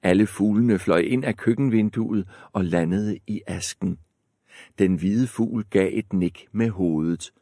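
A man narrating a fairy tale aloud in a calm, measured storytelling manner. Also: lowish voice, no room sound, clean studio sound.

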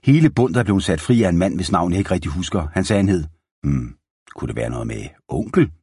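A man doing rusty-voiced outlaw leader, low and gravelly, smug, storybook western. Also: lively intonation, dark tone, no room sound, studio quality. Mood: gloating. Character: rough male outlaw gang leader, gloating.

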